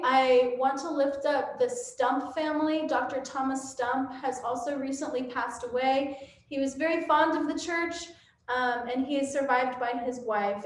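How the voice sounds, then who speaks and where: A woman's voice: sits high, slight background noise. A woman leading a church service and giving announcements with frequent ums, her voice carrying a cathedral echo in a church sanctuary. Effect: cathedral echo from a large church hall. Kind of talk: church announcements to a streamed congregation. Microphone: room microphone for a livestream. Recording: heavy echoey church room.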